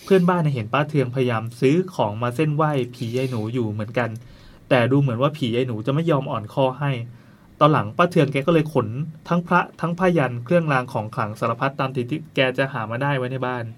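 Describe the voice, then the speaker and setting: A man telling a ghost story at a brisk clip, his voice sitting at an ordinary middle pitch. He keeps it casual and chatty, breaking off now and then for playful asides to his listener. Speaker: storyteller host.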